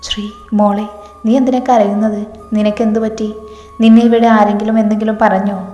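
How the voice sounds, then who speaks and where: A woman's voice: mid-range voice, flat delivery, a little fast, mellow, soft background music, lightly acted. A woman voicing a hot-tempered, vengeful young man devoted to his wife, speaking intensely, in a roomy echo with long reverb. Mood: worried.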